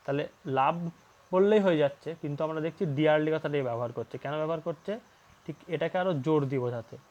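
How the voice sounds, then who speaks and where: A man's voice: fairly high pitch, darkish tone, dull audio. Man teaching English grammar. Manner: reads English lines slowly, then explains with rhetorical questions. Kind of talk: English grammar lesson in Bengali.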